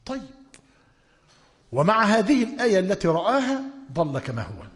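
A man's voice: high-pitched, very animated, moderate pace. A man teaching a religious history lesson, dictating points to students and breaking into emphatic exclamations. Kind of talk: lecturing on prophetic history. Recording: long hall reverb.

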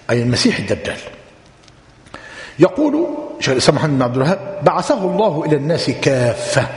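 Man lecturing in an echoey hall. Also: mid-range voice. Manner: repeats points slowly, quizzes listeners. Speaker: religious teacher. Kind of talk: lecture explaining a text.

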